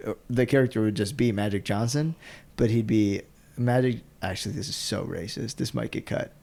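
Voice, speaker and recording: Goofy rambling podcast co-host. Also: male voice, on the low side, fairly quick, gravelly, a little mellow. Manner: rambling, goofy, laughs often. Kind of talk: casual comedic chat.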